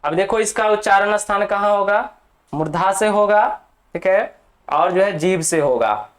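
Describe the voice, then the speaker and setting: A teacher giving a grammar lesson for exam students, dictating for notes, repeating key terms and often checking in with the class. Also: mid-range voice. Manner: slow, deliberate, dictating for notes.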